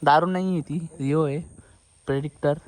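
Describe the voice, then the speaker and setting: A man's voice: fairly high pitch, steady tone, moderate pace. A man chatting and joking through a casual travel vlog by the sea, filmed on a handheld phone. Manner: chatty, joking, switching between Hindi and Marathi. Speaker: vlogger. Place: outdoors by the sea. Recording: noisy outdoor phone recording.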